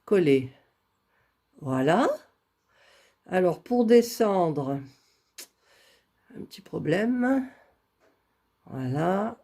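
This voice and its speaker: A woman's voice: lowish voice, big pitch swings, very slow, long pauses, dark tone. A woman chatting casually while drawing giveaway winners on a computer, laughing at her own fumbling. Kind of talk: casual screen-recorded vlog.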